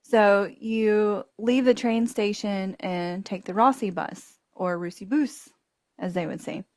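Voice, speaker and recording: Here a female podcast host spins a casual travel-mishap tale, full of laughter and acted-out voices. The recording is dry, and her medium-pitched voice moves slowly.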